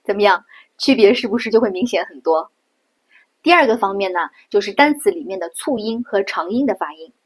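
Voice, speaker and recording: A middle-aged woman from China giving a patient pronunciation lesson, slowing down and repeating sounds to show them. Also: medium pitch, animated, husky. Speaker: Japanese language teacher.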